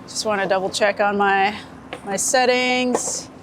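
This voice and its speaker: City and traffic noise surround this outdoor recording of a photographer being interviewed as she shoots street portraits under a bridge. The chat is casual and unscripted, and she's easygoing and giggly, speaking at a measured pace with a medium-pitched, steady voice.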